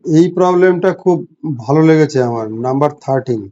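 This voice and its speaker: Bengali-accented male tutor, mellow, slightly high voice, lo-fi audio, patient step-by-step explainer. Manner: explains step by step, reads questions slowly in English. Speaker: teacher. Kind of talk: online exam-prep class. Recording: dull lo-fi audio.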